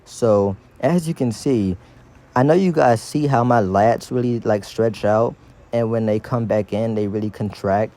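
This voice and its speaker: Mellow man talking through dental braces. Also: on the low side, a little slow. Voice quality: speech slightly impeded by dental braces. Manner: informal, slangy, instructive. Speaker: fitness instructor. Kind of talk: casual exercise tutorial voice-over.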